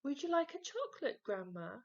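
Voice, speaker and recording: A woman's voice: on the low side, fairly even intonation, takes it slowly, vocal fry, a little mellow, dull audio, exaggerated voice. A woman voicing a nervous, timid little boy in a storybook reading.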